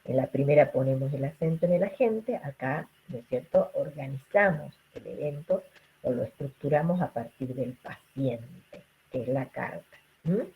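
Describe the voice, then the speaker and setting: A woman's voice: extremely low pitch, animated, normal speed, phone-quality sound, a little hiss or hum. A woman giving an online lecture to students over a video call. She keeps checking in with her listeners through rhetorical questions and fillers. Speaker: linguistics lecturer.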